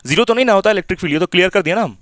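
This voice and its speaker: A man tutors physics in a small room, repeating himself as he coaxes and mildly scolds his students. His voice sits high, expressive and a bit bright, racing along, and the studio sound is clean with no room sound.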